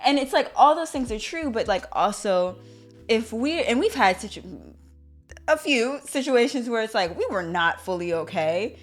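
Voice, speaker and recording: A woman's voice: fairly high pitch, moderate pace, faint music behind. A young adult woman co-hosting a podcast, chatting casually and animatedly, with plenty of fillers. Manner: animated, laughs often, many fillers. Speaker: podcast co-host. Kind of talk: casual chat.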